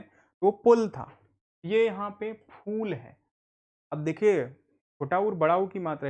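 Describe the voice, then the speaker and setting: A man's voice: fairly high pitch, dull audio. Patient man teaching reading. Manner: patient, repetitive, asks and answers own questions. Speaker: adult literacy teacher. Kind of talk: online Hindi reading lesson.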